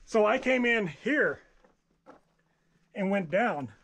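Mid-pitched explorer talking casually in cave echo. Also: lively intonation, slow pace, gravelly, a bit bright. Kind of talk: casual chat while exploring. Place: inside a rocky cave.

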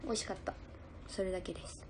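A woman's voice: fast, darkish tone. A young woman idol chatting casually on a livestream, giggling as she reads out and answers viewer comments. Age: young adult.

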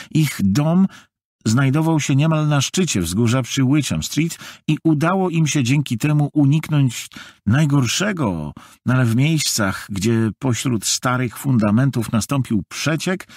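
A man narrating a horror audiobook in a dramatic, studio-recorded reading that sinks soft and low at tense moments. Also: slightly rough, no room sound. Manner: dramatic, swings between soft low lows and raised tension.

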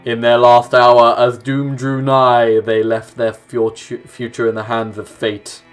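With plucked-guitar game music in the background, a young man narrates a let's play indoors in a small home room. He speaks unhurriedly in a monotone mid-range voice, reading the game's text aloud and adding casual offhand remarks.

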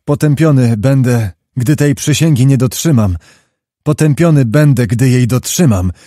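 A man's voice: mid-range voice, moderate pace, mellow, no echo, studio quality, close to an everyday voice. A man voicing a young, stubborn soldier who answers in terse, clipped lines. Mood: despairing.

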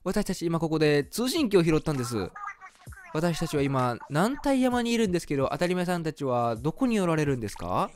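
A man voicing a polite, timid young female DJ from a video game, soft-spoken and courteous. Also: a little high, sing-song, fairly quick, slight background noise.

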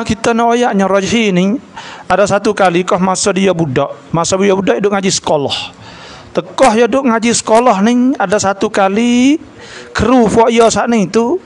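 A man with a Kelantan Malay accent giving a religious talk, telling a story with acted-out dialogue and frequent throat clearing. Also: high-pitched, moderate pace. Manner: animated storyteller, acts out dialogue. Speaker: religious lecturer.

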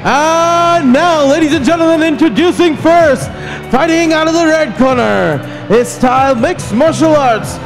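High-pitched male boxing-style ring announcer, booming. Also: unhurried, low-quality recording. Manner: booming, projected, stretching out names. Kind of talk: boxing ring announcer style, formal drawn-out fighter introductions. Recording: arena PA amid crowd and music.

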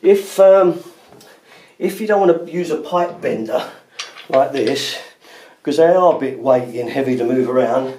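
A man's voice: mid-range voice, unhurried, pauses often, darkish tone, slight background noise. A middle-aged man, a plumber, chatting casually as he shows his tools at home on a close camera mic. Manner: chatty and practical, lots of ums and pointing out. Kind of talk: casual hands-on tool demonstration. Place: small room at home by a door.

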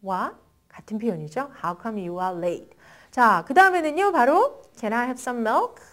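Lively, slow-drilling teacher. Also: female voice, fairly high pitch. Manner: switches between quick Korean explanation and slow, deliberate English model phrases. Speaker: English teacher. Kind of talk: language lesson with slow drill repetitions.

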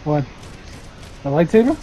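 Guy gaming, yelling n cursing, voice jumps all over, talks kinda slow, bit of hiss behind. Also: on the high side, poor audio. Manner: loud, excitable, swears a lot, switches between English and Spanish. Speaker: gaming streamer. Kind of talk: casual gaming banter.

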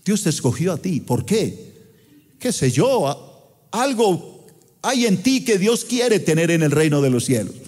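A middle-aged man from Colombia with a Colombian accent, preaching a sermon as pastor with impassioned delivery and sweeping swings in pitch. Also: sing-song, slow, long pauses, darkish tone. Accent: Colombian Spanish. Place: large church auditorium. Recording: long hall reverb in church auditorium.

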